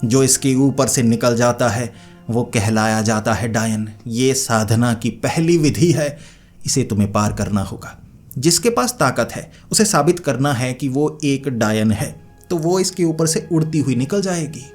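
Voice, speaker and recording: A man's voice: medium pitch, animated, a little slow, soft background music, close to an everyday voice. A man voicing a stern, proud old female witch leader who scolds and commands.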